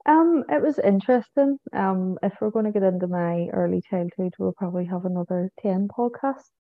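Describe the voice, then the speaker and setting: Chatting casually as a podcast guest, this psychic medium from Northern Ireland speaks in a mid-range voice at normal speed. She tends to repeat herself and tack on "you know" and "so it is," over a tinny, phone-like line with no room sound.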